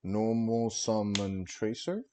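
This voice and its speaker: A man's voice: lowish voice, takes it slowly, dark tone. A man on a livestream headset mic, casually calling out his card game moves with many fillers. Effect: livestream headset mic audio. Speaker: streamer and card game player. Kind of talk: casual play-by-play commentary of his own turn.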